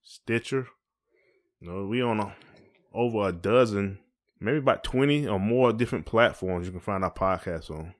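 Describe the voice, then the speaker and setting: This co-host's voice sits on the low side at an ordinary pace. Chatting casually on the podcast, he rambles with a folksy flavor and repeats his phrases.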